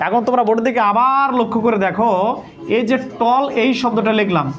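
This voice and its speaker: A man's voice: very high-pitched, fast, dull audio, soft background music. A man teaching a classroom lesson, asking the pupils the same question again and again until they answer. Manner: repeats questions to pupils, drilling. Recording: loud classroom crowd noise. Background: class of children answering in chorus.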